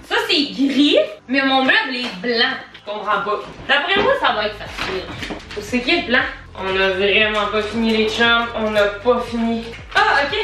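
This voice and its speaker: A woman's voice: on the high side, expressive, unhurried, background noise. A young woman with a Québécois French accent chatting casually and expressively to viewers in a vlog, swearing freely. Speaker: YouTube vlogger. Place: home office room, indoors. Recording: roomy echo, distant mic, background music.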